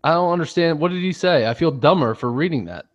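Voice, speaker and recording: A man co-hosting a casual sports podcast, sarcastic and quick to swear and cut in. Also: on the high side, expressive, dull audio. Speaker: podcast co-host.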